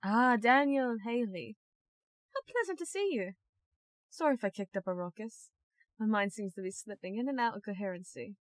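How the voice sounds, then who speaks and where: A woman's voice: a little high, lively intonation, normal speed, no echo, close to an everyday voice. A woman voicing the Doctor, an alien time traveller whose mind is unravelling, in an audio drama. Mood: weary. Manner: anguished, pleading, erupts into shouts.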